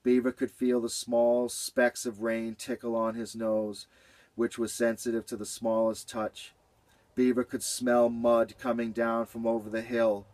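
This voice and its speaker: Slow, gentle male storyteller. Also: mid-range voice, no echo. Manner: slow, gentle, rhythmic repetition. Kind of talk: children's story reading.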